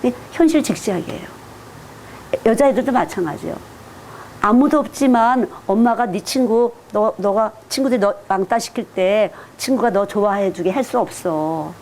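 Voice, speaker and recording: A woman at a middle pitch delivering a church teacher-training lecture. She speaks earnestly and directly, in a conversational preaching manner, with faint noise in the background. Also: moderate pace, a little mellow. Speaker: children's missionary lecturing teachers.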